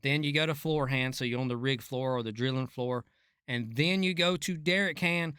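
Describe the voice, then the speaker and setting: A man's voice: medium pitch, moderate pace, fairly bright tone, clean tone, dry recording, studio quality. A middle-aged man giving casual, unscripted commentary as a former rig worker, in a folksy, slangy and profane way. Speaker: reaction video host, former oil rig worker.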